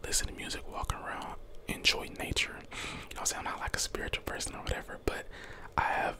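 Young American man, whispered ASMR pep talk, breath-only voice, close mic, encouraging, slangy, informal. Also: fast talker. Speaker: ASMR content creator. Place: small bedroom, indoors. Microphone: close handheld desk condenser microphone.

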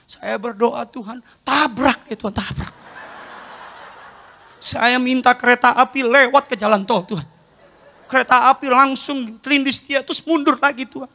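A man's voice: very high-pitched, fairly even intonation, moderate pace, bright, forceful tone. A middle-aged male pastor preaching a humorous sermon in a church, joking and acting out the voices of his congregants. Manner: jokey, acts out congregants' voices.

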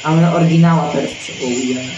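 A man's voice: on the high side, fairly even intonation, fast, muffled recording. Rambling young man narrating gameplay, roomy sound. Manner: chatty, rambling, many fillers and restarts. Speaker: gaming channel host. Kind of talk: casual gameplay commentary. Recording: roomy echo, faint game music behind.

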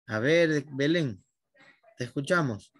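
A man's voice: fairly high pitch, takes it slowly, a bit bright, no room sound, clean studio sound. A man teaching a language class online, patiently guiding his students by name.

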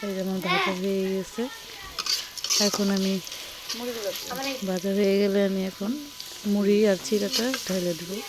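A hoarse young woman chats unhurriedly while she narrates her cooking vlog. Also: mid-range voice, steady tone. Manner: chatty, unhurried, talks while she works. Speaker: cooking vlogger. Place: home kitchen at the stove, earlier out on the street. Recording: noisy with frying sizzle.

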